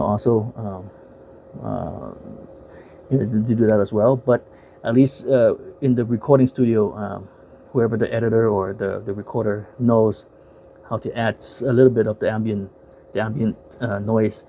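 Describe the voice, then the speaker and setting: A man's voice: fairly low pitch, mellow, slight background noise. A man giving a casual, rambling movie review, full of filler words and self-corrections, frank and opinionated.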